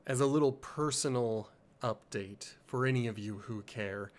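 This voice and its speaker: A man hosting a livestream of a game playthrough chats casually and rambles in a self-deprecating way. He sounds slightly sniffly and congested from allergies, with a medium-pitched voice and a moderate pace.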